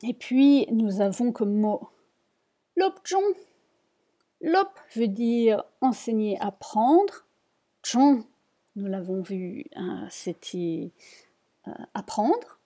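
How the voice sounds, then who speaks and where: Patiently repeating and explaining every word, a woman leads a slow-paced reading lesson. She speaks slowly at a medium pitch, with a mellow yet animated voice.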